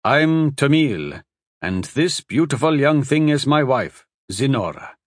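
A man's voice: medium pitch, expressive, takes it slowly, dry recording, studio quality, voice pushed up. A man voicing a folksy, blunt older husband who speaks plainly and scolds when worried.

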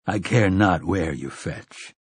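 A man's voice: low-pitched, lively intonation, slightly rough, no echo, heavily acted. A man voicing Roland, a grim gunslinger. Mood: stern. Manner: slow, clipped, commanding. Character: grim, stern weathered gunslinger man, middle-aged.

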